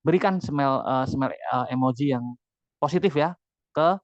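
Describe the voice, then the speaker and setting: A man's voice: medium pitch, moderate pace, dry recording, highs cut off. Chatty man leading an online training. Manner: lively, chatty, addresses the audience often. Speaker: business team leader giving a training. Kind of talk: motivational training talk.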